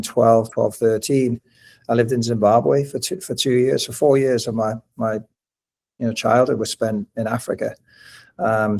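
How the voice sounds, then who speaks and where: Middle-aged man, mild northeast English accent, flat even delivery, rambling guest on a podcast interview. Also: mid-range voice. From northeast England. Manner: rambling, many restarts and fillers. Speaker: college soccer coach, guest. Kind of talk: casual interview conversation.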